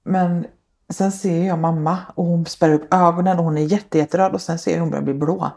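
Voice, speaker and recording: A woman speaks low and dark, with a gravelly fry running through her words. She is a social worker who is a guest on a podcast. She tells her own past earnestly, step by step, and leans on many small fillers. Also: fairly even intonation. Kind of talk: personal account in a podcast interview.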